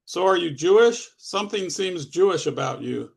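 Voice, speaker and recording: A man voicing a blunt, curious young woman, pitched a little above his reading voice with a gravelly undertone. She asks direct, probing questions without softening them. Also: animated, normal speed. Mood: inquisitive. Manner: inquisitive, mildly annoyed.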